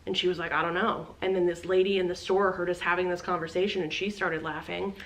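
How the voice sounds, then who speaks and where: A woman's voice: fairly low pitch, flat delivery, quick pace, poor audio. A woman co-hosting a podcast, rambling through stories in casual chat and often laughing. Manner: giggly, rambling storyteller. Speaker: podcast co-host.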